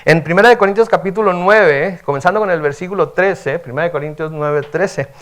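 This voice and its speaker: A man's voice: on the high side, fairly quick, fairly bright tone. A male pastor giving a midweek sermon, reading scripture aloud and explaining it in a conversational way, often checking in with the congregation. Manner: conversational, frequent "¿verdad?" tags, reads scripture aloud and explains. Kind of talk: midweek sermon, Bible teaching.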